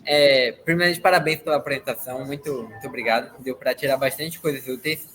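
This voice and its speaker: A man's voice: medium pitch, brisk, a bit bright, slight background noise. Polite young Brazilian man asking. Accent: Brazilian Portuguese. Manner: polite, hesitant, restarts words. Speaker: student participant. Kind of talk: asking a question in an online workshop. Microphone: video call.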